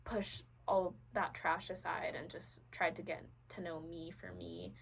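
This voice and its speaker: A woman's voice: fairly low pitch, little pitch movement, unhurried, creaky, fairly bright tone, slight background noise, rough recording. A young adult woman from Venezuela, a podcast guest, telling her personal story earnestly with many fillers and restarts.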